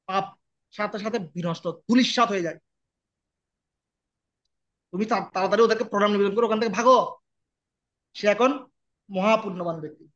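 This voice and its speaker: A man's voice: high-pitched, fairly bright tone, dull audio. A man giving a devotional sermon, asking his listeners questions and chanting Sanskrit verses. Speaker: preacher.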